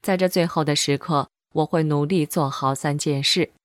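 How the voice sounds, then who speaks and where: A woman reading a first-person testimony aloud in a steady, even voice. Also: deep voice, normal speed, no room sound, clean studio sound.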